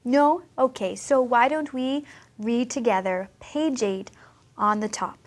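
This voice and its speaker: A woman's voice: fairly high pitch, slow pace. A woman teaching an English storybook lesson to children, talking expressively and asking her listeners questions.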